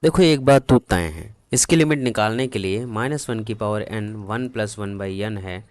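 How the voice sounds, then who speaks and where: A man's voice: on the low side, moderate pace, darkish tone, dry recording. A man teaching an exam-prep math lesson, working through problems step by step and often checking that his students follow, in a casual, familiar tone. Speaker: math tutor.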